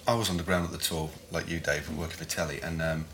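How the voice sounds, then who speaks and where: A man's voice: very deep voice, steady tone, fast, fairly bright tone, slight background noise. An English man hosting a casual chat show in a jokey, rambling manner. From England. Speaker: host, cycling commentator.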